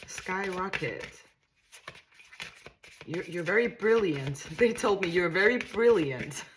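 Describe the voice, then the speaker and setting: Speaking slowly and expressively in a lowish voice, a Danish-accented woman gives a relaxed tarot reading to the camera over a noisy background. She thinks out loud, frequently repeating and restarting her words in a comforting way.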